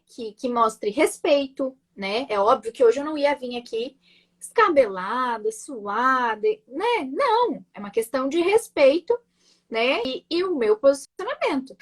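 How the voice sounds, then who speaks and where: Very animated yet measured in pace, this high-voiced woman from Rio Grande do Sul, Brazil, is a nurse marketing creator appearing as a guest in a relaxed interview. Her southern Brazilian accent falls between gaúcho and Florianópolis. She chats at length, doubles up on words, and keeps asking "né?" and "sabe?"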